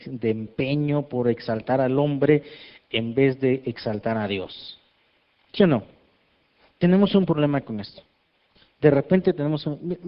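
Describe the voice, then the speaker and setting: Lively pastor, lo-fi sound. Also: male voice, a little high. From Mexico. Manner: lively, asks the congregation questions, self-mocking humor. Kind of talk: sermon. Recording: dull lo-fi sound.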